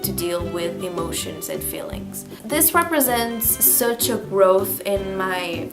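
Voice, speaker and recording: A woman's voice: mid-range voice, big pitch swings, slow pace. Echoey young woman, non-native English speaker. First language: not English. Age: late teens. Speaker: vlogger. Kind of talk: casual personal vlog, reading old diary. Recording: roomy echo, music behind. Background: music.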